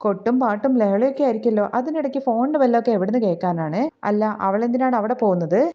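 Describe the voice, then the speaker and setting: A woman's voice: fairly high pitch, highs cut off. A woman with a Keralan accent casually retelling a TV serial episode, running the characters' lines together with her narration. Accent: Keralan Malayalam. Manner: brisk retelling with tag words and quoted dialogue. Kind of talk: casual spoken episode recap.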